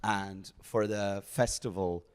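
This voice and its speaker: A young adult comedian from South Africa, chatting casually on a podcast and telling stories with frequent laughs. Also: male voice, fairly low pitch, slow, smooth. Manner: storytelling, laughing often, animated. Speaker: comedian guest.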